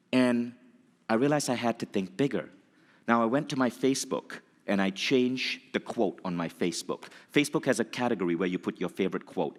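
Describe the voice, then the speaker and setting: Lively storytelling man on stage. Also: fairly low pitch, long reverb tail. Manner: animated, acts out dialogue, addresses audience. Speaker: motivational speaker. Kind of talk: motivational storytelling talk.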